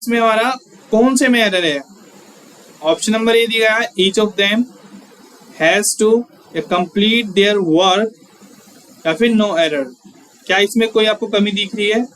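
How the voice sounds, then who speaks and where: High-voiced man teaching grammar slowly. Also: a bit bright, slight background noise, rough recording. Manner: explains step by step, asks the viewers questions; reads example sentences slowly word by word. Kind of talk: exam-prep grammar lesson.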